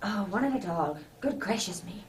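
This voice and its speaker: A woman's voice: medium pitch, lively intonation, moderate pace, a little hiss or hum, lightly acted. A woman playing a kindly, bluff doctor dressed as Santa Claus in a radio drama, with hearty old-fashioned exclamations. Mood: kindly, puzzled. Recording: distant microphone.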